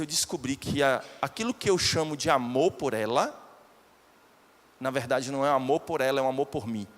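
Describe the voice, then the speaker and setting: Animated pastor in an echoing hall. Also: male voice, mid-range voice. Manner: animated, questions the congregation directly. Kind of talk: live church sermon. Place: church hall. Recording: echoey church hall.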